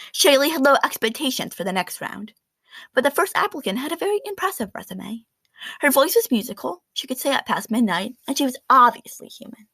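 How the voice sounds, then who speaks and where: In a high voice with no echo, a woman performs a children's picture book aloud, animated and expressive, leaning into dramatic emphasis as she tells the story.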